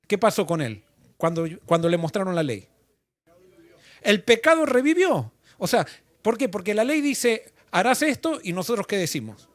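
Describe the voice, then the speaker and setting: A man's voice: high-pitched, sing-song, normal speed, no room sound. A male pastor leading an interactive Bible study, asking the class questions and repeating their answers.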